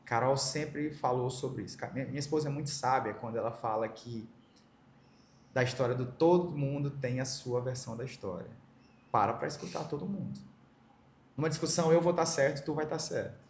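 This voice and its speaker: A middle-aged man from Brazil recounts a deeply personal reunion as an interview guest. He tells it vividly, slipping into the voices of the people he quotes. His mid-range voice echoes in the room, over a faint background hiss. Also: brisk, darkish tone. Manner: emotional, vivid storyteller acting out quoted dialogue. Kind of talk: personal storytelling in a podcast interview.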